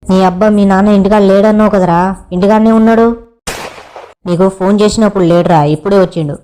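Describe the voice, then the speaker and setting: A man's voice: high voice, fairly even intonation, quick pace, mellow, a little hiss or hum. A young man trading cheeky, crude banter in a village comedy skit.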